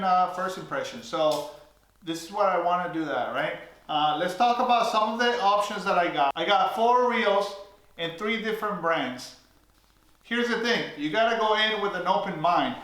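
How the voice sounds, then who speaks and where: A man's voice: high-pitched, fairly bright tone. A man casually reviewing fishing reels in a chatty, loose way with lots of fillers. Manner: chatty, loose, many fillers and tag questions. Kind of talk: casual product review vlog. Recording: very echoey room.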